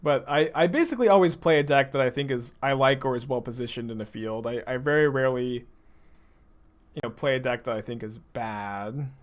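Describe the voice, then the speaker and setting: A young streamer from Texas, USA, with a mild urban Texan accent, plays a card game for viewers and thinks aloud in dry, sarcastic, casual commentary. His mid-range voice is brisk as he chats with his audience over the gameplay.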